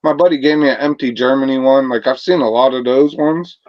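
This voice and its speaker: A man in easy, enthusiastic conversation, swearing casually and speaking at a middling pitch. The sound is close and dry, with a slightly dull, lo-fi edge. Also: brisk, no echo. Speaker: whiskey enthusiast. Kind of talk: casual chat.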